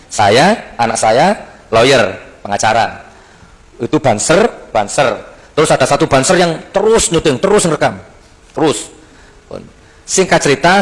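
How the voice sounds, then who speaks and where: A man telling a story in a sermon, acting out the dialogue and rising sharply when indignant. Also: medium pitch. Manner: acts out dialogue in Javanese-tinged speech. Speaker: preacher.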